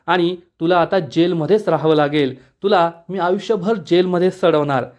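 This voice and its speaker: A man's voice: a little high, normal speed, darkish tone, lightly acted. A man reading the lines of a righteous young hero who sternly threatens the villain. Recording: dull lo-fi recording.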